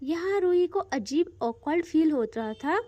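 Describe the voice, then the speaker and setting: A woman narrating a romantic audio story in an expressive, emotive storytelling manner. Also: sits high, measured pace, no echo.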